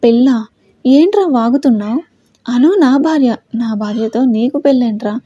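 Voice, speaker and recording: Woman voicing angry young male cop, threatening, husky, dry sound. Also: fairly high pitch, moderate pace, dark tone, no echo, muffled recording. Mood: furious. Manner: furious, threatening.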